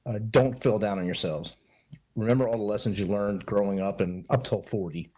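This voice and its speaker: A man's voice: on the low side, a little fast, mellow. A middle-aged man, a podcast guest, speaking in an earnest, upbeat and motivational way in a casual interview. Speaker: podcast guest, Army veteran and mentor.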